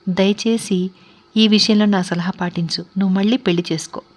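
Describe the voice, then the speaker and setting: A woman's voice: mid-range voice, normal speed, lightly acted. Woman reading as a resigned, sorrowful young wife. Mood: tender. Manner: calm, resigned, earnest. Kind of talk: audiobook character reading.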